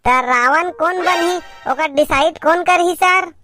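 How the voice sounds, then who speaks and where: Very high-voiced Chhattisgarhi woman playing a cheeky pupil. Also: measured pace, over music. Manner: cheeky, talking back. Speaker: comedy sketch performer playing a pupil. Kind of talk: scripted comedy sketch in Chhattisgarhi.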